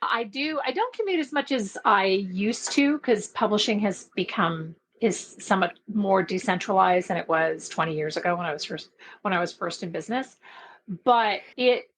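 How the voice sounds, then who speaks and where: A middle-aged woman who grew up in Belgium, a podcast guest talking casually, laughing easily and letting her phrases trail off softly. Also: medium pitch, lively intonation, normal speed, slight background noise. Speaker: podcast guest, book marketing expert. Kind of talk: casual interview chat.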